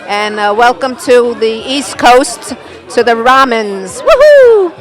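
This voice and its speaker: A woman gives sincere, slightly stumbling congratulations to a couple. Her voice is a little high. Faint crowd chatter is heard behind her. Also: fairly even intonation, a little slow, poor audio. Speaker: wedding guest. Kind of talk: heartfelt wedding well-wishes.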